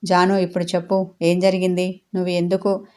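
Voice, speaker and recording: A woman's voice: on the low side, completely flat delivery, brisk, a little mellow, close to an everyday voice. Woman reading as a caring aunt who is a lawyer. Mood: consoling.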